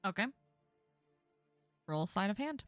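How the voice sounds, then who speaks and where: A woman's voice: medium pitch, sing-song, takes it slowly, a bit bright, no echo, faint music behind. A woman narrating a tabletop role-playing game as game master.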